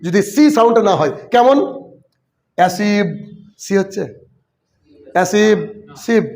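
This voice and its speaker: A man's voice: high-pitched, unhurried, darkish tone. A man teaching spelling rules in an exam-prep lesson, asking his students questions and answering them himself. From West Bengal, India. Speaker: English teacher.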